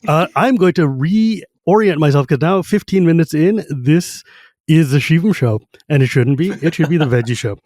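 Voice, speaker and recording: On a clean studio recording with no room sound, a podcast host in his thirties from San Jose, California talks casually and ramblingly, using plenty of filler words and laughing easily. His pitch is on the high side with lively intonation, a normal pace and a slightly mellow quality.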